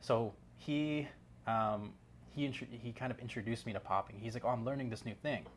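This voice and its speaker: A man's voice: mid-range voice, normal speed, slight background noise. A man in his thirties from Canada, chatting loosely as a guest, with lots of "like" and restarts. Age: 30s. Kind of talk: casual interview chat.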